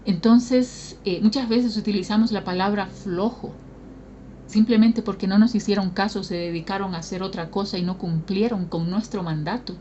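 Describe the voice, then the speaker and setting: Woman preacher, earnest sermon, mid-pitched, slightly dull lo-fi recording. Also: fairly even intonation, moderate pace, warm tone, a little hiss or hum. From Bolivia. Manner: earnest, questioning the congregation.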